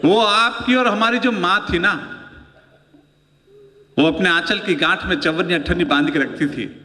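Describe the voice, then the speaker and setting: A middle-aged stand-up poet with a high-pitched, sharp voice and a somewhat slow delivery recites humorous Hindi poetry and tells stories to a live crowd. He's playful, bantering and joking with the audience, and the room carries a long hall reverb.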